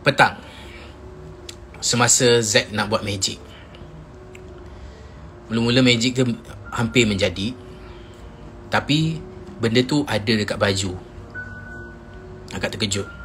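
A man's voice: on the low side, slow, long pauses, slight background noise. Seorang pria muda beraksen Melayu Malaysia menceritakan kisah secara santai lewat siaran langsung dari ponsel, menirukan teriakan teman-temannya dengan hidup. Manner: animated, acts out friends' shouts in quoted lines. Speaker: Instagram live host. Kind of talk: casual storytelling on a live stream. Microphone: phone.

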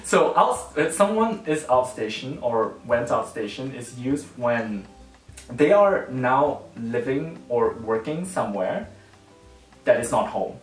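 A man's voice: mid-range voice, sing-song, slow pace. Malaysian guy hosting a chatty quiz, voice swings around a lot, bit far from the mic. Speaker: host quizzing guests on slang. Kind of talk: casual quiz chat. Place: living room sofa, indoors. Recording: slightly roomy, distant mic, faint music.

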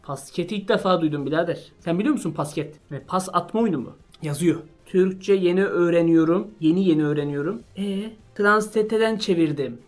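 Young man, excitable, slangy, joking vlog chat, music faint behind. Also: on the high side. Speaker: vlogger. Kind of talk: casual parody chat to camera.

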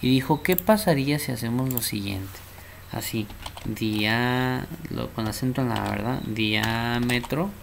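A man teaches a math lesson in a relaxed, informal way. He keeps checking in with his listeners and repeats words as he explains. A faint hiss runs under his mid-pitched voice. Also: a little fast, creaky, hardly any pauses.

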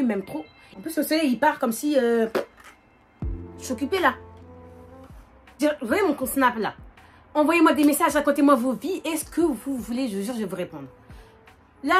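A woman in her twenties with a northern French accent, chatting casually and quickly as a vlogger while doing her makeup, with lots of fillers and restarts. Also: sits high, soft background music. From northern France. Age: 20s. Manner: fast, animated, many fillers and restarts.

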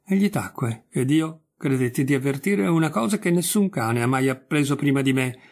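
Man reading a story aloud, serious and measured, gravelly husky voice. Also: medium pitch, lively intonation, a little mellow. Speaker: audiobook reader. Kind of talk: literary audiobook narration.

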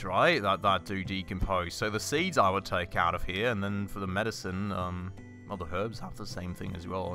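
A man hosting a let's-play, thinking aloud with many fillers and self-corrections, his voice slightly husky from a recent illness. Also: fairly low pitch, sharp tone. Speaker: gaming channel host. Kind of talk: casual let's-play commentary.

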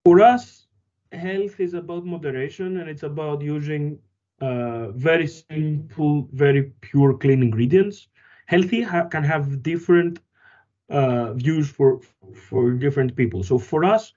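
Founder, dull-sounding interview line. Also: male voice, a little high, mellow. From Greece. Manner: thoughtful, with frequent fillers and restarts. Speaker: company founder and guest. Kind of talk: interview answers.

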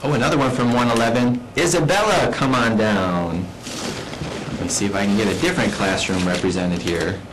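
A school administrator giving upbeat morning announcements, stumbling a little and calling out student winners. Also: male voice, mid-range voice, quick pace, hardly any pauses. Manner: upbeat, stumbling over words. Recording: noisy school studio.

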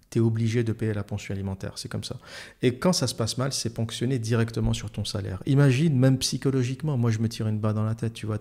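A man's voice: medium pitch, darkish tone. A man delivering a heated, sarcastic solo monologue as an online commentator, using crude slang and frequent hesitation fillers.

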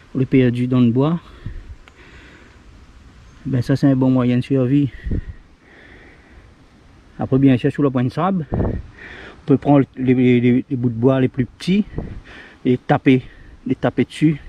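A middle-aged man with a Réunionese French accent, casually narrating as he digs larvae from rotten wood in a forest, then fries them at home, explaining in a plain, halting way. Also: medium pitch, little pitch movement, highs cut off, slight background noise. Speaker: outdoor video host. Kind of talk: casual narration while foraging and cooking.

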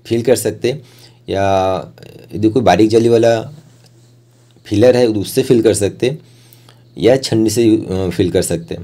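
Like an instructor explaining every stage of the work, a man talks through an art tutorial step by step. His voice is low and very mellow, and his delivery is plain and casual.

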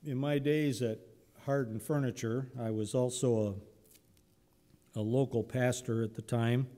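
A man preaches from the pulpit, taking his time and speaking in a mellow, warm tone. He tells Bible stories conversationally, with some humor. His voice rings out into a reverberant church sanctuary. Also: mid-range voice, steady tone, unhurried. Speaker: pastor. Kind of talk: sermon.

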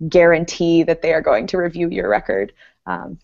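Woman publicist, lowish voice, measured and detailed; muffled lo-fi podcast sound. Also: expressive, gravelly, darkish tone. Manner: thoughtful, explains in detail with fillers. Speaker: music publicist and record label owner. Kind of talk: casual podcast chat.

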